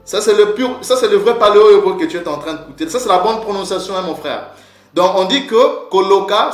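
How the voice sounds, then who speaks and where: High-voiced man teaching, echoey room. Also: a bit bright. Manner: repeats "mon frère", asks and answers his own questions. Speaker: teacher of word origins. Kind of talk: informal lesson.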